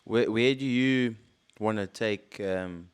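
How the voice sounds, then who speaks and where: Low-voiced man hosting a podcast. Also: slow pace, clear, resonant tone. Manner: relaxed, chatty questioner. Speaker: podcast host. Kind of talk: casual interview chat.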